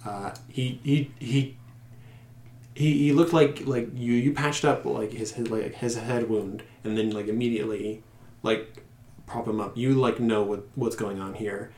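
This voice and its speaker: A man narrating a tabletop game as game master, halting and full of fillers as he describes the scene. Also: mid-range voice, steady tone, darkish tone, echoey room. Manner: halting, with many fillers and restarts.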